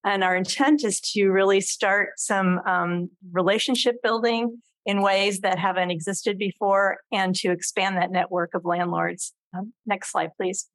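A woman presenting at a public meeting, speaking in a halting way with many ums and uhs. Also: medium pitch, steady tone, no echo. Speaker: local housing official at a public meeting.

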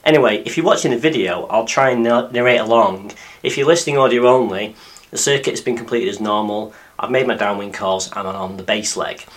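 A man hosts a scripted flying podcast. His voice is deep and croaky from being unwell. He narrates as a pilot telling his own story. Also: brisk, soft background music. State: croaky after a week of flu-like illness. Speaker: podcast host and microlight pilot.

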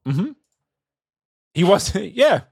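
Animated, rambling podcast man. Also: sits high, vocal fry, husky, dry recording, clean studio sound. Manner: rambling, filler-heavy, quick to laugh. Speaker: podcast co-host. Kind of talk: casual book discussion.

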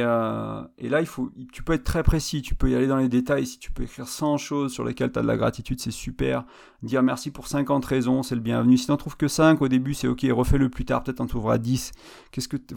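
A man with a heavily gravelly, creaky voice hosts a podcast. He talks to the listener in an informal advice monologue and walks through ideas step by step. His pitch sits in an ordinary middle range. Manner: informal, addresses listener directly, explains step by step. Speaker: podcast host.

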